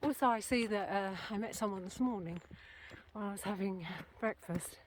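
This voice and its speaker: A woman's voice: mid-range voice, moderate pace, a little hiss or hum. A woman from Britain chatting casually to her camera while walking outdoors, rambling and correcting herself, a little out of breath. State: a bit out of breath. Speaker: walking vlogger. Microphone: handheld camera.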